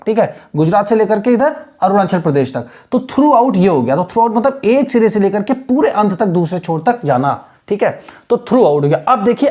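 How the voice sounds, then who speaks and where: A man giving a classroom lecture as an English teacher, explaining patiently in mixed Hindi and English and spelling words out slowly. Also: sits high, a little mellow. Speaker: English teacher for exam aspirants.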